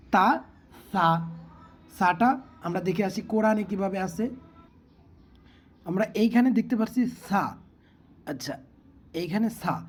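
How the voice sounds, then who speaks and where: A woman teaching a Quran reading class, sounding out letters slowly, repeating them and asking her students questions. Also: medium pitch, warm tone, breathy edge. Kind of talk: lesson teaching letter pronunciation.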